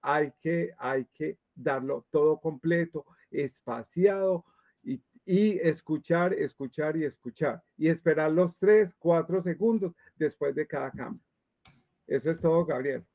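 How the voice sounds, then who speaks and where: A man's voice: a little high, a little slow. A man making an emphatic comment in a group discussion, repeating words to stress them. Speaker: participant. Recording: dull lo-fi sound.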